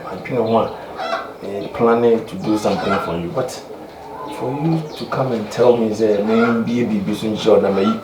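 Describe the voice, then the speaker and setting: A man's voice: fairly low pitch, moderate pace, lightly acted. An actor with a Ghanaian accent playing a young man who argues and reasons with a demanding woman. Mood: reasoning. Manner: reasoning, defensive, mixing in English. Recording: echoey, distant mic, noisy background.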